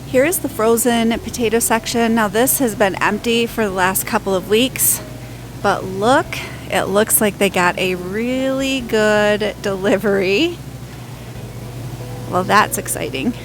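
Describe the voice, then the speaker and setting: A woman's voice: medium pitch, noisy background. A woman narrating a casual shopping and cooking vlog in a chatty, upbeat way, thinking aloud as she goes. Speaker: home cook and shopping vlogger.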